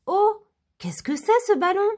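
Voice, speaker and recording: Storybook figure: a woman putting on an eager little girl mouse, very high and lively. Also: unhurried. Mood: curious. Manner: high, pleading, excited.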